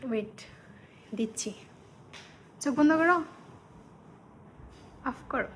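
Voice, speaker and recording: A woman's voice: on the high side, expressive, takes it slowly, slight background noise, rough recording. A woman from Bangladesh vlogging at home, chatty and often checking in with viewers. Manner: chatty, keeps asking viewers "okay?", hushed when sneaking. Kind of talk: casual vlog to camera. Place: home in Singapore.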